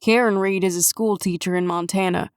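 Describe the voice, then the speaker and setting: A woman's voice: medium pitch, steady tone, brisk, smooth, no room sound, lightly acted. A woman voicing a dry, teasing middle-aged male police chief in an audiobook. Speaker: audiobook narrator. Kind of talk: audiobook character voice.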